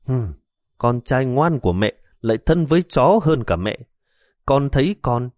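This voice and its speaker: A man's voice: medium pitch, lively intonation, a little slow, darkish tone, no echo, clean studio sound, close to an everyday voice. A man voicing a fussy, worried old mother who nags and scolds her grown son. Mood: scolding. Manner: scolding, fretful.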